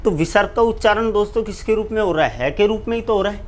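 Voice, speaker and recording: Higher-voiced man teaching Hindi grammar. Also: quick pace, a little hiss or hum. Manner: asks questions and answers them himself; keeps repeating "friends" to address students. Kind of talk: live online exam-prep lecture.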